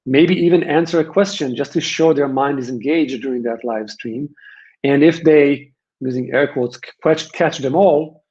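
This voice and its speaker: This software vendor's webinar presenter, a man with an Israeli accent, has a medium-pitched, slightly mellow voice and talks at a moderate pace. His delivery is conversational yet emphatic, with phrases repeated for effect, all over dull, band-limited webinar sound.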